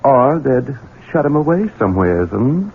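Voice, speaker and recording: Tinny, hissy, band-limited 1970s radio audio carries an unhurried, very animated mid-range male voice. He portrays a menacing adult son and Southern heir, scheming and coldly cruel, sly and insinuating as he taunts theatrically.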